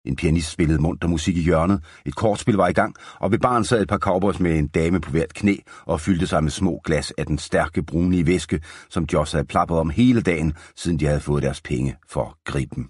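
A man narrating an audiobook in a steady storytelling manner. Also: a bass voice, hardly any pauses, breathy edge, dry recording. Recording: dry close studio sound.

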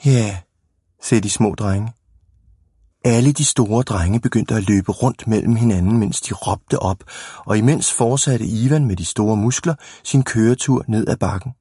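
A man reading a children's story aloud. He is a lively reader who slips into voices for the characters. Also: on the low side, breathy edge, dry recording, studio quality.

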